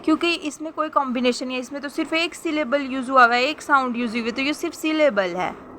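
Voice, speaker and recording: Bright-voiced woman teaching a lesson. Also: sits high, quick pace, slight background noise. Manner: patient, repeats points and checks understanding. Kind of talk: explanatory lesson in Hindi-Urdu with English terms.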